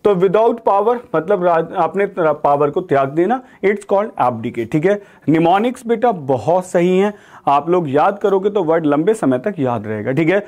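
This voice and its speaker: A young Indian man with an Indian accent runs an online vocabulary class for exam prep, speaking in a fairly high voice that rises and falls with lively movement. He addresses his students warmly as 'beta', and he slows right down when he reads English definitions aloud. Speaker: vocabulary teacher.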